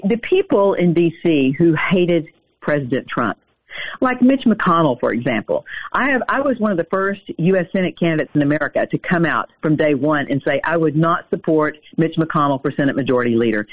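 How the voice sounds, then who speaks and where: A man running for the U.S. Senate, heard over the phone in an interview and making his case in an urgent, emphatic way. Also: fairly high pitch. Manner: urgent, emphatic campaign talk. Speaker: U.S. Senate candidate. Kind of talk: political interview. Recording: dull, lo-fi phone line.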